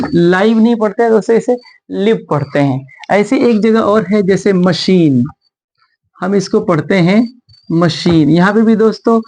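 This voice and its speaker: A man's voice: high-pitched, a little mellow. Male teacher, patient and explanatory, spells each letter and repeats example words for an online lesson. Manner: addresses viewers as friends in a patient, explaining tone. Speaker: English pronunciation teacher. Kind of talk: video lesson.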